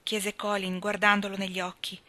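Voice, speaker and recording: A woman narrating a children's novel aloud with a gentle, expressive storytelling manner. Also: medium pitch, moderate pace. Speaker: reader.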